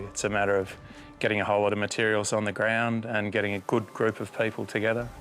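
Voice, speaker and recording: A man's voice: fairly low pitch, a bit bright. A man, a station manager, answering interview questions in an understated, matter-of-fact way.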